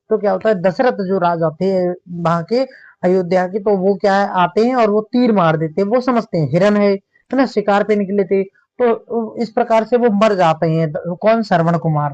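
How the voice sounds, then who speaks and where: A male teacher explains classical poetry in a grammar lesson. He recites each verse slowly and deliberately, then breaks it down in plain chatty talk, often pausing to check that listeners follow. The recording is dry and sounds dull, lacking top end. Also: high voice, darkish tone, no echo.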